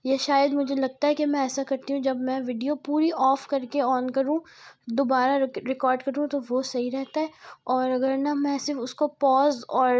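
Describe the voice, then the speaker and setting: A woman's voice: high-pitched, darkish tone. A young adult woman chatting through a casual vlog voice-over, rambling and correcting herself as she goes. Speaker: vlogger.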